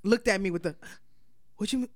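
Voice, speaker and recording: A woman's voice: mid-range voice, brisk, a little mellow, dry recording, studio quality. A young woman in her twenties co-hosting a podcast, telling a story in casual chat and acting out the dialogue, blunt and profane.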